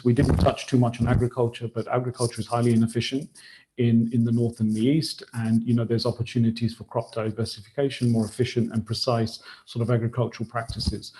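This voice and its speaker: A man's voice: mid-range voice, dark tone, slight background noise, low-quality recording. A man from Sri Lanka speaking as a panelist in a discussion, often restarting phrases and tagging his points with questions. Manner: frequent tag questions and restarts.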